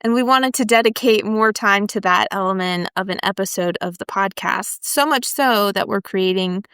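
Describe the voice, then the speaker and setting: A woman's voice: mid-range voice, normal speed, bright, forceful tone, smooth, no echo, studio quality. A young adult woman from Florida hosting a podcast, chatting enthusiastically and sharing her own story. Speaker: podcast host. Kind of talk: casual podcast chat.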